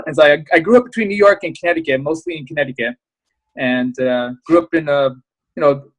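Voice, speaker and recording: A man in his thirties, born in Pakistan and raised in the US, talking as a podcast guest in a casual, animated way with fillers. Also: fairly high pitch. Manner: animated, rapid storytelling with fillers. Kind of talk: casual interview chat.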